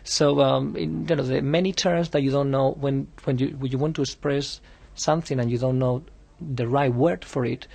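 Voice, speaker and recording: Spanish guy speaking english, gravelly voice, dry sound, feels his way thru words. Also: mid-range voice, fairly even intonation, moderate pace, darkish tone, dry recording. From Spain. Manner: searching for words, hesitant. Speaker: learner interviewee.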